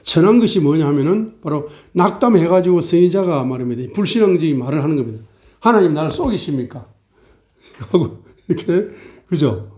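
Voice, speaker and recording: A man's voice: a little high, animated, brisk, dark tone. A middle-aged male pastor preaching a sermon, asking the congregation rhetorical questions and acting out mocking and complaining voices.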